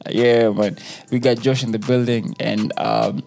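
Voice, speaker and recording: A man's voice: mid-range voice, a little slow, creaky, a little mellow. Kenyan man hosting casual radio over music. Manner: playful, repeats phrases for emphasis. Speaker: radio show host. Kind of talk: casual radio chat with slang. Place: radio studio. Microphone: studio microphone. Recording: music playing behind the voice.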